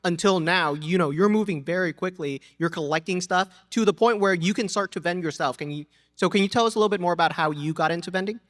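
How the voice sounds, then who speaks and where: A man's voice: high voice, fast talker, few pauses, a bit bright. A man co-hosting a podcast, asking direct, upbeat questions in casual interview talk. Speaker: podcast co-host. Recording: live event hall with long reverb.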